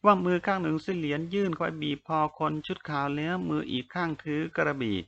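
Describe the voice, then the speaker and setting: Gravelly bright-voiced male storyteller. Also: on the high side, quick pace, dull audio. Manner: steady storytelling read-through. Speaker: audiobook narrator. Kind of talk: reading a novel aloud.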